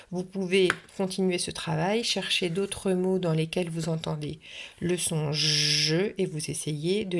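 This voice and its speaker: Slow, low-voiced woman teaching phonics. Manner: slow, patient, sounding out syllables. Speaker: kindergarten teacher. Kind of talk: home-learning video lesson for young children. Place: French classroom or home, recorded for video.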